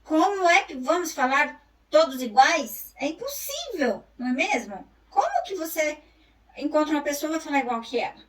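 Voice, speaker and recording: High-voiced Brazilian woman teacher. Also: very animated, normal speed, echoey room, recorded from a distance, rough recording. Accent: Brazilian Portuguese. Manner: explanatory, asks the class rhetorical questions. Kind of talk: recorded online lesson.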